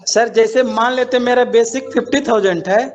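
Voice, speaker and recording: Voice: mid-range voice, fairly even intonation, moderate pace. A student in a live online class who asks the teacher questions politely, calls him sir, and heard over a call line. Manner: polite, calls the teacher sir, mixes English number words into Hindi. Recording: dull lo-fi call audio.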